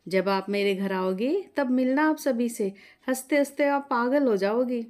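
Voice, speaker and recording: A woman's voice: on the high side, measured pace, close to an everyday voice. A woman voicing a cheerful, friendly married daughter in a family story. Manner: bright, laughing, friendly. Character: cheerful married daughter who visits daily.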